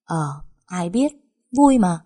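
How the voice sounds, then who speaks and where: A teasing young master of a wealthy house, as a woman reads him, his voice low and mellow. He switches between playful coaxing and a cold, probing edge, as in a spoken storybook. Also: animated, slow. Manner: teasing, then coldly probing.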